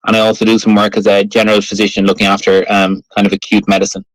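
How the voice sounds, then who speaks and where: A man with a west of Ireland accent talks as a guest in an interview. His voice is on the low side and quite flat in intonation, with a measured, modest delivery. The sound is dry and close. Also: no echo, poor audio. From Galway, west of Ireland. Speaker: guest speaker, hospital and community diabetes doctor. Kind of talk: interview conversation.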